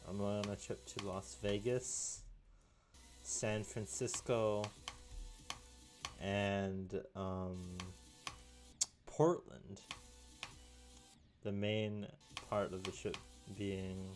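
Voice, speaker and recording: A young man chatting casually to camera in a deadpan, rambling way, often restarting his sentences. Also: fairly low pitch, extremely slow, long pauses, a little hiss or hum. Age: young adult. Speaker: video creator. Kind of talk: casual solo chat.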